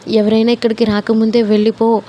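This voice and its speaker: A woman's voice: on the high side, little pitch movement, a little fast, mellow, slight background noise, close to an everyday voice. A woman voicing a grieving young widow who firmly turns away the man she loves. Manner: firm, sorrowful. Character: grieving young widow refusing her lover.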